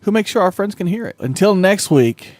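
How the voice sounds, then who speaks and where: A man hosting a show, signing off in a slow, drawn-out horror-host delivery with music behind him. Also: sits high, animated, no echo.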